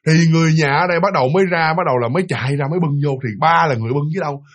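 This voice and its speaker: Husky, fairly high man telling a ghost tale vividly to his listeners. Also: very fast. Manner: lively, vivid, speaks directly to listeners. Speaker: storyteller. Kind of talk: casual spoken ghost story.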